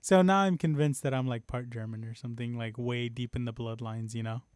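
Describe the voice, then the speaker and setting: A man hosting a podcast in casual chat, telling a story with lots of laughter and animated voices. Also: mid-range voice, a little fast, clean tone, no room sound, clean studio sound. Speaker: podcast host. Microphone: desk microphone on stand.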